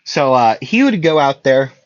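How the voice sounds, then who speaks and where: A man's voice: mid-range voice, very animated, moderate pace, no room sound. A young man improvising a fan-fiction story, rambling with many fillers and self-corrections. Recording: dull lo-fi dry recording.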